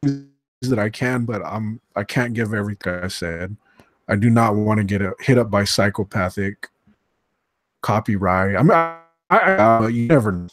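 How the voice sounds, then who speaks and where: A man chatting casually as a podcast co-host over a choppy online call that drops his words, talking haltingly with many restarts. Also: lowish voice, no echo, faint music behind. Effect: choppy internet connection dropping words. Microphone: USB desk mic over an online call.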